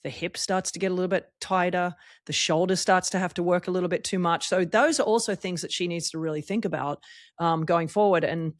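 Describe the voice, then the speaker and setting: A woman's voice: fairly low pitch, fairly even intonation, brisk, no room sound, clean studio sound. A middle-aged woman, hosting a casual podcast chat, frank and teasing. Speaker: podcast host and former tennis player.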